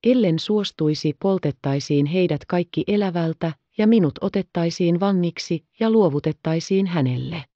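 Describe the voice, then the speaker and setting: A woman's voice: lowish voice, few pauses, no room sound, natural voice. A woman reading the part of a young frontier woman, speaking in defiant, urgent exclamations. The audio is slightly dull. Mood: breathless, frightened.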